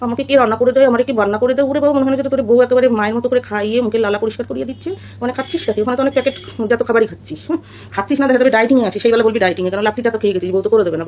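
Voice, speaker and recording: Woman, middle pitch, rattles off rhetorical questions at breakneck speed in a scolding commentary. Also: darkish tone. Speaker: social commentator. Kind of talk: casual opinion monologue.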